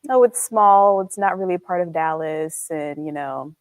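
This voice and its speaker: A woman's voice: lowish voice, normal speed, no echo. An upbeat woman co-hosts a morning talk show, answering her partner agreeably and often chiming in. The sound is dry and close. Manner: upbeat, agreeable, laughs easily. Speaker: co-host. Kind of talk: casual chat.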